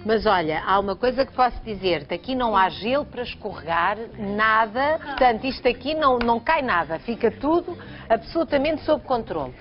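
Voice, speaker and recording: A woman in her thirties hosting live daytime TV cooking talks in a high-leaning, animated voice at a moderate pace, with a European Portuguese accent. She's chatty and teasing toward her guest and pushes a phone contest. The bright studio kitchen is heard through dull broadcast audio with music.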